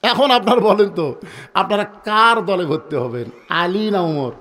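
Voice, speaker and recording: High-voiced preacher. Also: male voice, a little slow. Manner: rhythmic storytelling, calls the crowd to respond, bursts into shouts. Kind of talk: sermon.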